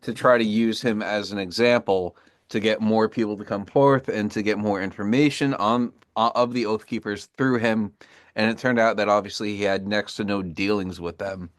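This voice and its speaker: A man's voice: lowish voice, fairly even intonation, moderate pace, no room sound, clean studio sound. A man, a tribute band member, explaining a point in matter-of-fact casual chat.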